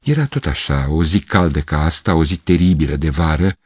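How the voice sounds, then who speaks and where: A man reading a literary story aloud as narrator, in a measured, expressive manner. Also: very deep voice, breathy edge, no echo.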